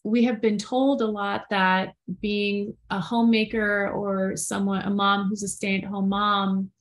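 A woman's voice: mid-range voice, flat delivery, measured pace. Earnest woman on a live stream. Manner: earnest, heartfelt, many fillers, reads viewer comments aloud. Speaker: podcast co-host. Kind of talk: live-streamed casual talk.

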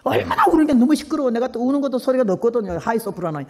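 Fast-talking older woman preacher. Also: a little high. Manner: animated storytelling, acting out voices. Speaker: missionary. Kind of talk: preaching a personal testimony. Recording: long reverb of a large hall.

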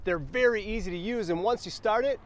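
A man's voice: high voice, brisk. An American man in his forties giving an emphatic, step-by-step instructional demonstration as a CPR instructor, speaking outdoors. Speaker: CPR and first aid instructor. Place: outdoors on a roadside sidewalk.

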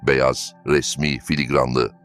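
A man reading a dramatic family story as narrator, in an even storytelling manner. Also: rumbling low, slow pace. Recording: faint background music.

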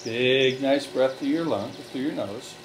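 A man leading a relaxation group through guided breathing, giving slow, calm step-by-step directions. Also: medium pitch, a little hiss or hum.

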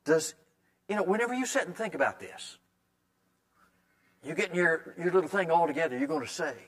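A man's voice: a little high, expressive, a little fast, fairly bright tone. A middle-aged male pastor preaching a sermon in a conversational, folksy way, hammering points home with repeated words.

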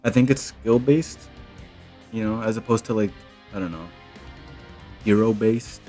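A young man giving casual gameplay commentary, rambling as he thinks out loud. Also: fairly low pitch, unhurried, soft background music. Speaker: gaming commentator.

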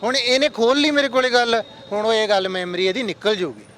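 A man's voice: very high voice, fairly even intonation, fast talker, a bit bright, a little hiss or hum. A young man with a Punjabi accent chatting earnestly outdoors, explaining his views to an interviewer. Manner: earnest, explanatory, addresses friends as brother. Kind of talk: casual street chat. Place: outdoors on a street.

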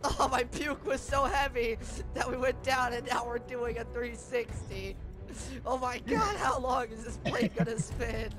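A man hosting a gaming channel, chatting casually and joking with friends while playing. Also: very high-pitched. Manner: joking, rambling, laughs often. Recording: noisy game voice chat.

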